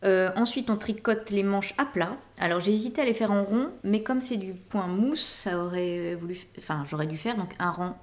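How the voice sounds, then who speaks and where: Speaking in a mid-range voice at a moderate pace with few pauses, a middle-aged podcaster chats about her finished knitting and sewing work. It's an easygoing show-and-tell full of wandering explanations, often wrapped up with "voilà."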